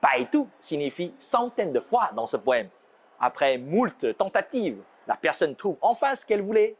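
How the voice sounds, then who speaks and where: Chinese-accented man, lively pitch. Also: husky. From China. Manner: playful, slows down to demonstrate pronunciations. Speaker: language teacher. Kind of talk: scripted explainer.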